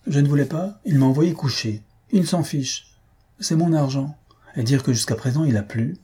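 A man's voice: on the high side, normal speed, husky, pitched above the performer's own voice. A man doing a blustering grumpy old husband. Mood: grumbling. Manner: blustering, shouting, sarcastic. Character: grumpy irritable older husband, theatre backer.

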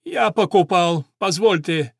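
A man's voice: sits high, slow pace, vocal fry, dry recording, studio quality, pitched above the performer's own voice, exaggerated voice. Man playing a curt, mocking Englishman. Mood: insistent. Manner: curt, insistent. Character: cool, mocking Englishman buyer.

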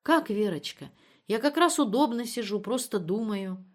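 A woman voicing a withdrawn, gentle husband in an audiobook, soft and apologetic. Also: fairly high pitch, expressive, moderate pace.

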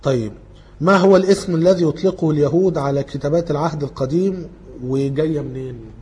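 A man's voice: fairly high pitch, fast, a little mellow. A man with an Egyptian Arabic accent giving an informal lecture, working through study questions and thinking aloud as he corrects himself.

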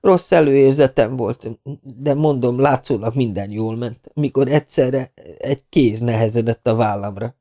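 A man's voice: mid-range voice, mellow, pitched above the performer's own voice, natural voice. A man voicing a beaten young man who pleads and groans as he tells what happened, in an audiobook reading. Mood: pleading. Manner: breathless, pleading.

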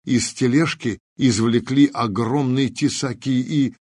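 A man reading an audiobook as narrator, measured and even. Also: mid-range voice, breathy edge, no room sound, studio quality. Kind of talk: scripted narration.

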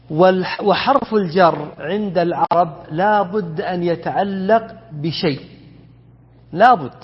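A husky man teaches a lesson on Quran commentary. He explains step by step, asks his students questions and corrects himself mid-word. His voice rings through a large hall on a dull, lo-fi recording. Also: high-pitched. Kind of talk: classroom tafsir lesson. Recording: dull lo-fi sound with long hall reverb.

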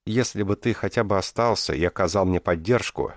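A man's voice: sits low, fairly quick, no echo, clean studio sound, voice pushed up, natural voice. A man voicing a proud, wounded young queen who cuts in with bitter, raised retorts. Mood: furious.

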